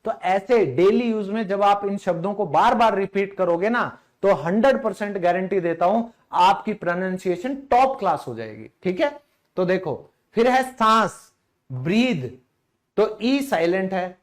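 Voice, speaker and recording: A man teaching an online English lesson in a chatty way, slightly hoarse, quizzing viewers with rhetorical questions and slowing down to pronounce words. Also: high-pitched, lively intonation.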